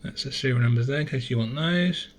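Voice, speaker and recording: Speaking quickly at a medium pitch, a man casually takes apart a gadget for a tutorial. He muses aloud and fixes his wording mid-sentence, recorded on a camera mic at an indoor desk with slight hiss or hum.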